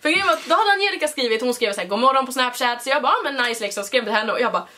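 A young woman with a high voice tells her story in a casual, chatty vlog style. She talks in an animated way and leans on fillers throughout. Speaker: vlogger host.

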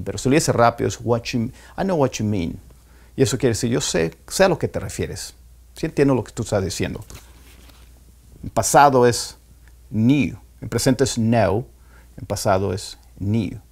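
A man teaching a spoken lesson, explaining words slowly and repeating example phrases for learners to copy. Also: medium pitch, darkish tone. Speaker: English teacher.

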